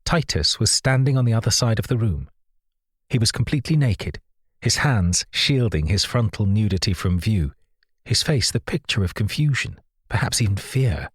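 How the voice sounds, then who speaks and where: A man narrating a suspenseful novel with a low, husky voice. His read is measured and tense, recorded close and dry with no room sound. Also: animated, no room sound. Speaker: audiobook narrator. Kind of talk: first-person thriller narration.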